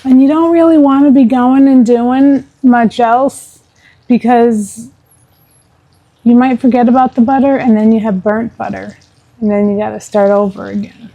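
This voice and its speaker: A woman's voice: on the high side, normal speed, phone-quality sound. A woman chatting casually while showing how she cooks a recipe at home, with small asides. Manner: chatty, relaxed, talks to her pet mid-recipe. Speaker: home cook, vlogger. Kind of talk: casual cooking tutorial.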